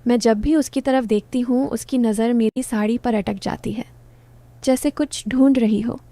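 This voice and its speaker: A woman's voice: fairly high pitch, fairly even intonation, moderate pace, dark tone, no room sound. A woman in her twenties telling a first-person story in short, teasing phrases. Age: 20s.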